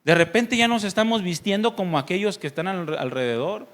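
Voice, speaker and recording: A man's voice: sits high, fairly quick, fairly bright tone. A man from Mexico preaching a sermon as pastor, talking conversationally, putting questions to the congregation and playfully imitating other people's voices.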